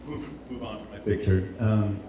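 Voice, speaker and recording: A Portuguese man with a fairly low voice and fairly even intonation speaks at a normal speed, giving an informal designer's presentation. He hesitates and repeats words while searching for phrasing. The recording, made in a heavily echoing indoor event space, sounds roomy, distant and noisy, like a live hall.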